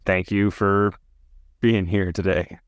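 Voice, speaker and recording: A man with a very deep voice co-hosting a podcast. He speaks in a friendly, encouraging manner. The sound is dry and close to the mic. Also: level tone, slow pace, no room sound, dull audio. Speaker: podcast co-host. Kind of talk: casual podcast chat.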